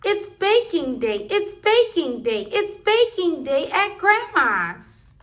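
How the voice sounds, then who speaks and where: A woman's voice: extremely high pitch, very animated, slow pace, fairly bright tone. A woman reading rhyming picture books aloud to toddlers in a sing-song, rhythmic way. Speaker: children's book reader.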